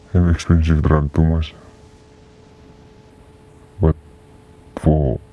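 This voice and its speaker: Disguised, very deep altered voice. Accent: Solomon Islands Pijin. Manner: slow, halting, with long pauses. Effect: voice altered to sound very deep. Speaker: anonymous interviewee. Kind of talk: confessional interview. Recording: dull lo-fi disguised audio.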